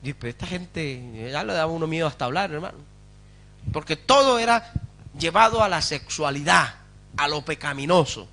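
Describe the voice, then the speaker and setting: A man's voice: on the high side, lively intonation, normal speed, bright, forceful tone. A man, a pastor, preaching a sermon with fervour, calling out to his congregation for responses and asking rhetorical questions.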